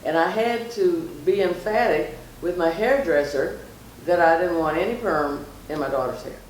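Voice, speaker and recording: A middle-aged mother, on the low side in pitch and speaking at normal speed, joins her daughter's vlog to tell personal stories and offer advice. She's casual but emphatic and repeats phrases for stress. The recording has a distant mic, a very echoey room, and faint noise.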